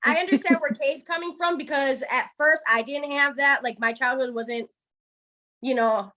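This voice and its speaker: A woman in casual chat on a podcast, telling animated stories and acting out the voices of people in them. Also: high-pitched, moderate pace. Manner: animated storyteller, acts out quoted voices. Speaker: co-host.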